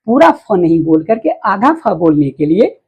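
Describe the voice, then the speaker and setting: Slow husky woman teaching phonics. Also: on the low side, big pitch swings, dull audio. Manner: slow, repetitive, quizzing the listener. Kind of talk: phonics lesson.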